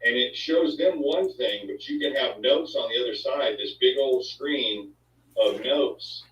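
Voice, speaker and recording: A man's voice: mid-range voice, a little slow, a bit bright. A man hosting a casual chat, talking in an easygoing, rambling way. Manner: easygoing, rambling, sound effects. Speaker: host. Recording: echoey, distant, dull sound.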